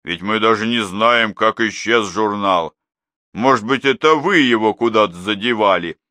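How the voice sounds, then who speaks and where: A stout army major with a loud, booming delivery and a mocking, dry tone. His voice is a little raised and forceful, with a bright, close sound, as the reader puts him on. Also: normal speed, no echo. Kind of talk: audiobook character voice.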